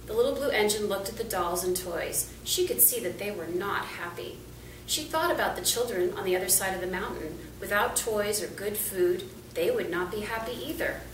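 A middle-aged woman volunteers as a storybook reader, reading a children's picture book aloud at a normal pace in a mid-range voice. She sits in a small indoor room a little way from the camera, whose distant mic gives a roomy sound with faint noise.

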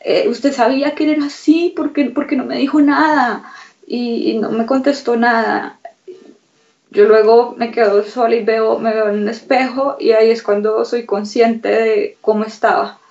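A young woman giving an emotional testimony in a news interview, retelling events in a halting, shaken way with many repeated words. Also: a little high, fairly even intonation, vocal fry, darkish tone. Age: young adult. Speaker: interviewee recounting an assault. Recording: slightly distant, dull lo-fi sound.

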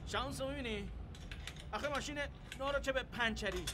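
A man's voice: very high voice, background noise. An actor playing an irritable, sarcastic male driver in a TV drama. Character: gruff, prickly male driver.

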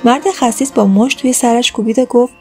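A woman storyteller reading a folk tale in steady, measured scripted narration. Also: fairly high pitch. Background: faint background music.

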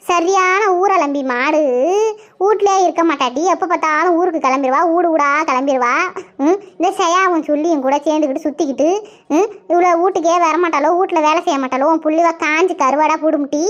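Brief: woman playing a cartoon wife, lamenting in a sing-song wail, shrill and high, dull lo-fi sound. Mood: complaining. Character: nagged married village woman wailing about in-laws. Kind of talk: cartoon voice acting. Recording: muffled lo-fi recording.

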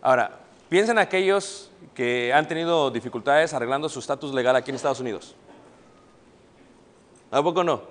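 This sermon comes from a middle-aged Mexican man with a medium-pitched voice, moderate pace, and long pauses. He acts out quoted people and puts questions to his congregation with real animation, recorded amid the long reverb of a church hall.

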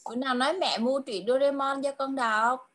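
High-voiced woman coaxing a child. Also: fairly even intonation, a bit bright, a little hiss or hum. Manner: coaxing, repeats questions patiently; slow, drawn-out English clues. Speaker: tutor. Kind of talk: online English lesson for a child.

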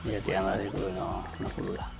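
Man, gravelly voice, fast lively talk, music behind. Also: sits low. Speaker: friend co-playing. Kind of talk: casual gameplay chat.

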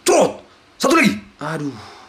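A young man, giving loud, excited commentary on a slot game as he plays, swinging between yells and mutters. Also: fairly high pitch, a little slow. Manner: loud, shouting and exclaiming, jumpy swings between yelling and muttering.

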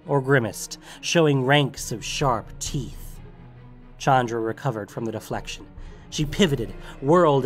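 A man narrates a fantasy tale in a mid-pitched voice, with faint music underneath. His storytelling is dramatic but steady.

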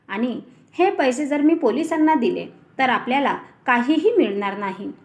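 A woman voicing an anxious, honest middle-class male office clerk, speaking in a worried, hushed, torn way. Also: high-pitched.

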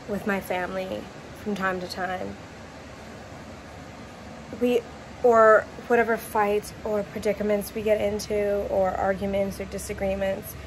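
A woman's voice: medium pitch, a little mellow, rough recording. A woman in her thirties talking casually and reflectively to her phone in a bedroom vlog. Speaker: vlogger. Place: bedroom at home. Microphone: phone at arm's length. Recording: faint background noise.

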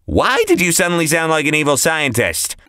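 A man's voice: fairly high pitch, very animated, a little fast, sharp tone, no echo, clean studio sound. A man voicing a cheeky, goofy cartoon sidekick who trades sarcastic quips in scripted comedic banter.

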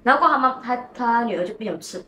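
A woman host tells a ghost story in a casual, animated way and drops English words into her speech. Her voice is fairly high and quick. It sounds like an echoey room with faint music in the background. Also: a little hiss or hum.

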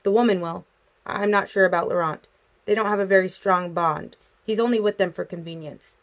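A woman voicing a brooding, protective young male vampire in a storybook reading, speaking low and grave. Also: fairly quick, close to an everyday voice.

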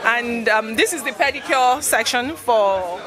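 Polite Nigerian woman over loud party music. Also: fairly high pitch, expressive, unhurried. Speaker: salon owner. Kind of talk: guest interview on a salon tour. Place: busy salon during a launch event. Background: loud music and crowd.

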